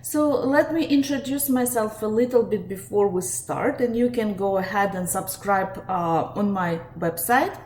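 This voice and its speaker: The life coach, a woman with a Russian accent, addresses her live webinar viewers at a measured pace with few pauses, earnest and steady despite frequent fillers. Her voice is medium-pitched and a little mellow, recorded in an echoey room with faint ambient noise.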